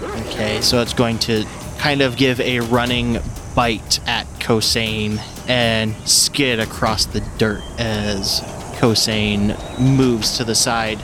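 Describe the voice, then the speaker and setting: A man's voice: lowish voice, level tone, takes it slowly. A man narrating a tabletop game as game master. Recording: clear rain noise behind.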